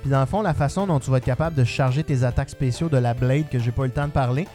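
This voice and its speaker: A man's voice: medium pitch, fast, warm tone, soft background music. A man with a Quebec French accent, reviewing a video game in casual panel chat, enthusiastic and full of fillers.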